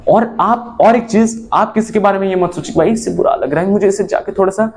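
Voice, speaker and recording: A young motivational vlogger delivers an earnest monologue to his viewers, sprinkling in English phrases and moving between emphatic peaks and quieter lows. He talks quickly in a darkish tone, with a little hiss or hum in the background.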